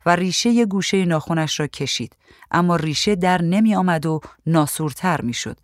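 A woman reading a story aloud in a calm, even voice. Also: on the low side, dry recording, clean studio sound. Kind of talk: storybook narration.

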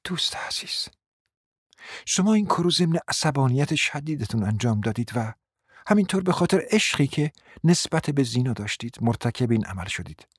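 A woman acting a cunning, flattering mother in a radio play, coaxing and often dropping to a whisper. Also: mid-range voice, dry recording, studio quality, close to an everyday voice. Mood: persuasive. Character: cunning, flattering provincial mother, persuasive and scheming. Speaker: scheming mother.

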